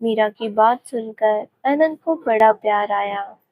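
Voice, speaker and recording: A woman narrating a romance story in a gentle, even storytelling manner. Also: on the high side, slow, no echo, phone-quality sound.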